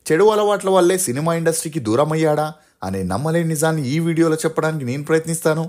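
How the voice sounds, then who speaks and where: A man's voice: fairly high pitch, very fast, darkish tone. A man narrating a scripted true-story video, opening with dramatic questions to hook the viewer.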